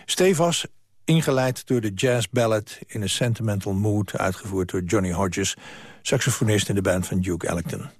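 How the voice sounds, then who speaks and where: A man presenting on the radio, calmly introducing an archive story. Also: fairly low pitch, breathy edge, dry recording, clean studio sound. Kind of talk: scripted introduction.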